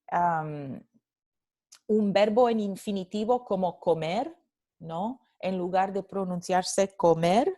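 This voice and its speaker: A Spanish language instructor teaches phonetics in a recorded lecture, explaining slowly as she switches between Spanish and English. Her voice is mellow and medium-pitched, and she repeats example words to model their sounds.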